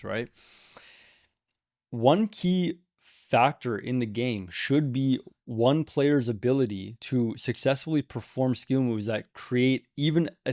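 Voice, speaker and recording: A man's voice: mid-range voice, creaky, darkish tone, dry recording. Emphatic man in a dry room. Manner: emphatic, repeats words for stress, says okay often. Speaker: gaming video creator. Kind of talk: opinionated commentary to camera.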